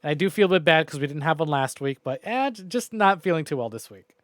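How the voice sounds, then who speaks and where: This game streamer's closing chat with viewers comes fast and animated in a highish, somewhat bright voice. It's informal and meandering with some mild cursing, recorded dry with clean studio sound.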